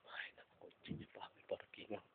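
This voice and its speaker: A man giving a casual walking tour outdoors, pointing things out and a little out of breath from climbing. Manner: points things out with repeated "ayan", slow and unhurried. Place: outdoors on a hillside property. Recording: tinny lo-fi phone-like audio, loud noise.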